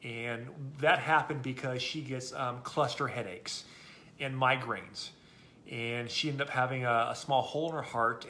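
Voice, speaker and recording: Middle-aged guy, bright forceful voice, rambly testimonial talk with lots of ums. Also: medium pitch, slight background noise. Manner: rambling, many ums and restarts. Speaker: product testimonial speaker.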